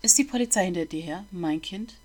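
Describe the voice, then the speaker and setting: A woman's voice: fairly low pitch, a little fast, a little mellow, a little hiss or hum, lightly acted. A woman voicing a grumbling old male bookseller who questions a boy with disapproval. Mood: gruff, probing. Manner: gruff, interrogating, disapproving.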